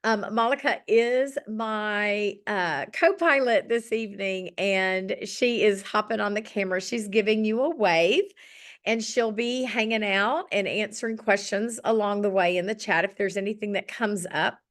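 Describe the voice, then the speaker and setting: Over a video call, a middle-aged woman leads a casual online journaling group, chatty and encouraging with plenty of ums. Her medium-pitched, fairly bright voice is slightly scratchy after an illness, and she speaks at a measured pace.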